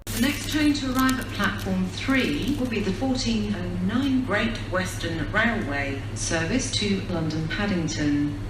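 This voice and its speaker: A woman giving automated train station announcements over a public address system, reading stops and platforms in a measured, even way. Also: on the low side. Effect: public address station announcement over loudspeakers. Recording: echoey station hall with noise.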